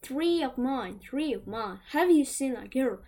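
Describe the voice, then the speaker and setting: A woman's voice: high voice, animated, unhurried, dark tone, pitched above the performer's own voice. A woman doing a wheedling old witch. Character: greedy old female witch hunting a thief.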